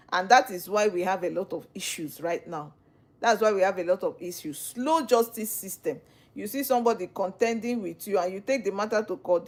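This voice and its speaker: A woman's voice: medium pitch, a little mellow. Nigerian woman lawyer explaining earnestly. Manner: earnest, repeats phrases while explaining. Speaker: lawyer hosting a live stream. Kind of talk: live-stream talk answering viewers.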